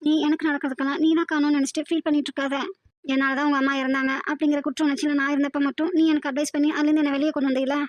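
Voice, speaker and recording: A woman voicing a hurt, devoted young woman in an animated drama, pleading insistently. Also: sits high, racing, dry recording, lightly acted.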